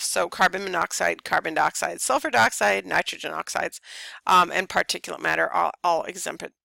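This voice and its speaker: A woman's voice: lowish voice, gravelly, pushed and bright, no room sound. A woman teacher giving a casual recorded lecture over slides, tired and yawning, with lots of ums. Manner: casual, chatty, many ums.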